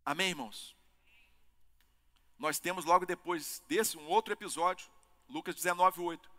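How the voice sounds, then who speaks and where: A male pastor preaches with fervor, his high, bright voice climbing to loud peaks and then dropping low for emphasis. The sound carries a long reverb, as in a church sanctuary. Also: moderate pace. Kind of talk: sermon.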